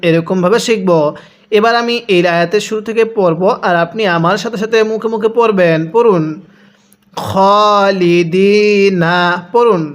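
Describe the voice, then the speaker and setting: A man teaching Quran reading. He sounds out each syllable slowly, asks how to read it, and prompts the viewer to repeat after him. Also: high voice. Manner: spells out syllables slowly, then explains quickly. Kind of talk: Quran recitation lesson.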